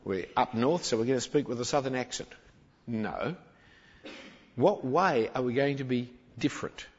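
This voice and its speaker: A man preaching a sermon, animated and emphatic, swinging between loud and quiet, with a husky voice. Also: mid-range voice, normal speed. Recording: muffled, reverberant hall recording.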